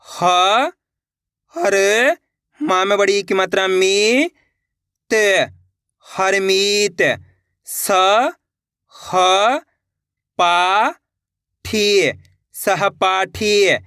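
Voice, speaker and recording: A man teaching Hindi reading, sounding out each word slowly syllable by syllable, then repeating the whole word, patient and encouraging toward viewers. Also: sits high, bright, forceful tone, clear, resonant tone, no echo, clean studio sound. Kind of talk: online reading lesson.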